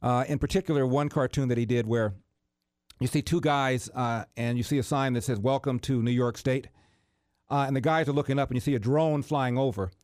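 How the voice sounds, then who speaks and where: A man hosting a talk radio interview, speaking in a measured, conversational way with occasional fillers. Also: medium pitch, a little mellow, no room sound, clean studio sound. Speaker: radio talk show host.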